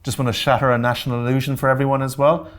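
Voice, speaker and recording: A man's voice: medium pitch, level tone, rapid-fire. A man with an Irish accent presenting a grants workshop to a live audience, direct and practical, with joking asides and check-ins to make sure the room is following. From Ireland. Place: community centre meeting room.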